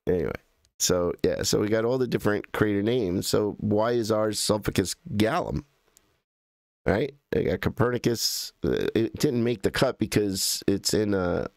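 With a lowish, darkish voice marked by vocal fry, an American man hosts a livestream in clean studio sound with no room sound. He thinks aloud while clicking through images, rambling casually and often correcting himself.

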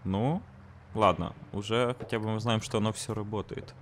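A man's voice: fairly low pitch, fairly even intonation, moderate pace, a little hiss or hum. A man chatting casually and jokingly in slang as he plays a horror game. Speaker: gamer. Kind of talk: casual chat while playing a horror game.

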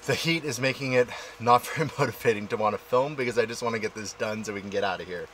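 A DIY home-build vlogger in his thirties talks fast and upbeat about technical details, casually narrating as he moves through the attic, outdoor deck and indoor rooms of a barn home. His medium-pitched voice has a fairly bright tone. He films on a close-up handheld action camera, which picks up a little hiss or hum.

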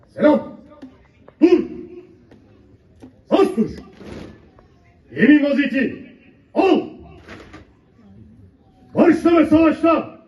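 A military officer shouting commands and leading a formal oath at a ceremony, in slow drawn-out phrases. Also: male voice, extremely high pitch, a little hiss or hum. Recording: echoey, distant, dull outdoor ceremony recording.

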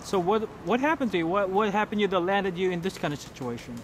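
A man's voice: sits high, lively intonation, fast talker. A young man asking casual, filler-heavy questions in a street interview on a city sidewalk. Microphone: camera mic, behind the camera. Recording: loud street noise outdoors. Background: street traffic.

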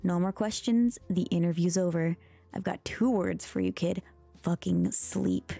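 With faint music playing, a female streamer slowly reads a bedtime story in a gentle ASMR manner, mellow in tone. Fairly low-pitched with vocal fry and a slightly rough edge, she whispers now and then and throws in mock-exasperated comments.

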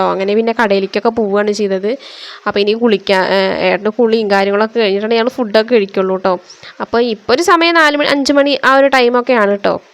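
A young woman from Kerala talks quickly through a home vlog voice-over. Her voice sits a little high, and her delivery is chatty and homely. She recorded it at home. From India (Kerala). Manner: chatty, homely, reassuring tag endings. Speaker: family vlogger.

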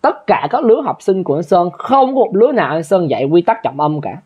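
A male English teacher reviews an exam in a chatty lesson, repeatedly asking listeners to confirm they follow. His voice is high-pitched and husky with a darkish tone, big pitch swings and a brisk pace, and the audio sounds dull.

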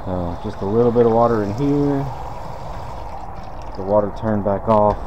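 A man's voice: on the low side, normal speed, muffled recording, background noise. Laid-back man working in a shop. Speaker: car detailer. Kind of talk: casual how-to demonstration. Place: detailing shop.

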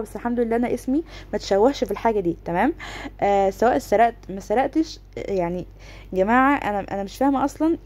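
A woman's voice: mid-range voice, warm tone. A woman with an Egyptian Arabic accent, speaking to her followers in a casual, defensive vlog and often checking that they follow her. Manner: rapid, defensive, keeps asking "okay?". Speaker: gaming content creator.

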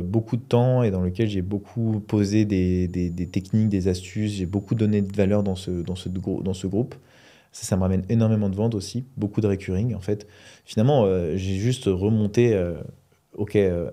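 Podcast co-host, male, deep mellow tone, loose rambling delivery. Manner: relaxed, rambling with many fillers. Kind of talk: casual podcast chat.

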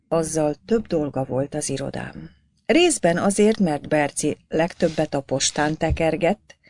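A woman narrating a novel as an audiobook reader in a steady storytelling manner. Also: deep voice, vocal fry, no echo.

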